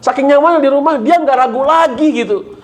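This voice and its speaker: A middle-aged man with a Sundanese accent giving a lively Islamic parenting talk, jumping up in pitch for emphasis and often checking with his listeners. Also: a little fast. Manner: animated, leaps high in pitch for emphasis, asks the audience questions. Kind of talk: lively religious study talk.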